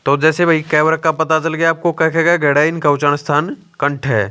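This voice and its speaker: A young man teaching an exam-prep grammar lesson, slowly drilling letters one by one, asking questions and answering them himself, often calling his listeners brother. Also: a little high, level tone, pushed and bright, clean tone. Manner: addresses listeners as brother (bhai).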